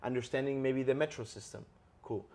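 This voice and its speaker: A man's voice: medium pitch, steady tone, a little fast, mellow. A man hosting a podcast interview, explaining ideas earnestly and checking in with frequent tag questions. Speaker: podcast host. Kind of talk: interview conversation.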